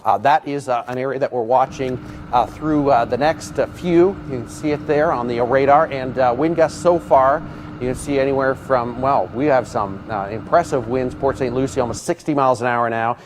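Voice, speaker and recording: An American man working as a TV meteorologist, ad-libbing live storm commentary in halting phrases with many pauses. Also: medium pitch, noisy background. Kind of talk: live ad-libbed weather commentary.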